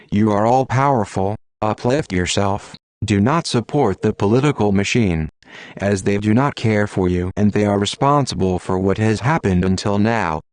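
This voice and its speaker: A man's voice: on the low side, no room sound. A man reading a scripted message as an activist spokesperson, formally addressing the public in a solemn, declamatory tone of warning.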